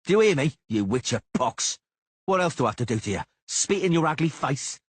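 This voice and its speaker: A man voicing a brash, hotheaded young male duelist who jeers and shouts his challenges, with a husky voice. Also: mid-range voice, sing-song, normal speed, dry recording, voice pushed up. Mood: shouting. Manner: loud, jeering, shouting challenges.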